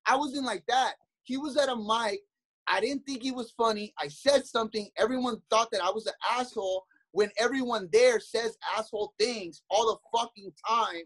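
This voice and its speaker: A man's voice: very high voice, normal speed, a bit bright, poor audio. A young adult man, a comedian guest, arguing heatedly and defensively on a podcast, rambling and cursing.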